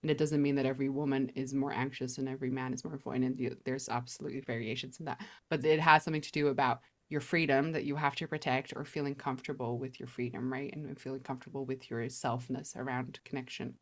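Woman guest, low-pitched, earnest explainer on a podcast interview. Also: steady tone, fast, few pauses. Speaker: podcast guest, polarity teacher.

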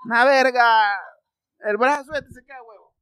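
A man with a Maracucho Venezuelan accent telling crude comedic stories as a vlogger, animated and profane, with sudden loud outbursts. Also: very high-pitched, moderate pace, clear, resonant tone, no room sound, clean studio sound. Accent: Maracucho Venezuelan Spanish. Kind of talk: comedic storytelling.

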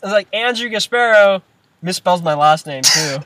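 A man's voice: fairly high pitch, fairly quick, fairly bright tone, no room sound. A teenage man chatting on a podcast, rambling and swearing freely as he tells a story. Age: teens. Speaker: podcast guest. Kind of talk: casual chat.

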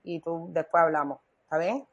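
A woman's voice: low-pitched, normal speed, no echo, lo-fi sound. A woman, an actress and comedian, guesting on a podcast with blunt, teasing retorts. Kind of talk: casual interview chat.

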